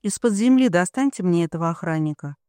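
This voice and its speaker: A man's voice: high-pitched, brisk, dark tone, no room sound, studio quality, close to an everyday voice. A man reading an audiobook, voicing a furious young man who growls threats.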